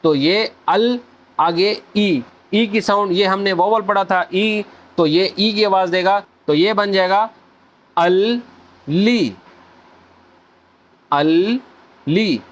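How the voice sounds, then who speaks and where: A man hosts a casual video lesson on Korean pronunciation, addressing viewers as friends and slowly spelling out sounds. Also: high voice, a bit bright. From Pakistan. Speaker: Korean language teacher, channel host.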